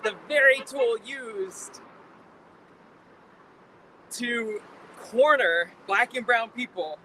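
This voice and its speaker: Man, preacher's protest speech, bright forceful voice, emphatic repetition, outdoor recording with light traffic noise. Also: high voice. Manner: emphatic, deliberate, repeats phrases for effect. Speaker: preacher, rally speaker. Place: outdoors at a rally in town. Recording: noisy outdoor urban recording, faint traffic.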